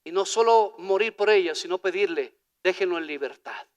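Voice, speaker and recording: A man preaching a sermon as pastor in Ecuadorian Spanish, swinging from hushed to loud and calling listeners "hermano". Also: high-pitched, normal speed, muffled recording. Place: church. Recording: church hall reverb.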